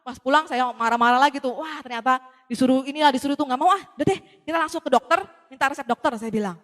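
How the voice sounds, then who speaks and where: Fast, high-voiced woman telling a story. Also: in a large hall. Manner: lively, acts out the dialogue as she tells it; addresses the audience often. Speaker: speaker giving a testimony. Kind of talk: storytelling talk to an audience.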